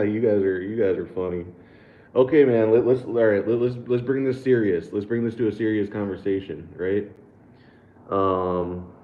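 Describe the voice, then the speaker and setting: A fairly low-pitched American host reads super chats on a casual livestream, easygoing and quick to laugh, though he stumbles over fillers and repeated words. The audio is reverberant, narrow, and tinny.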